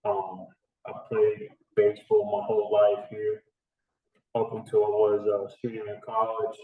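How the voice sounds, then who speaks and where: With a lowish voice and measured pace, a man in his thirties from the Dominican Republic guests in a casual interview chat as a strength and conditioning coach. He rambles with lots of fillers and restarts. The sound is phone-quality, from an echoey, distant remote recording.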